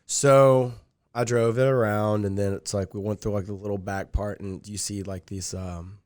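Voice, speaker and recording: A man's voice: on the low side, steady tone, normal speed, darkish tone. A young man telling a long personal story in casual chat, rambling with lots of fillers. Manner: rambling, many fillers like "like" and "dude". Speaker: podcast guest.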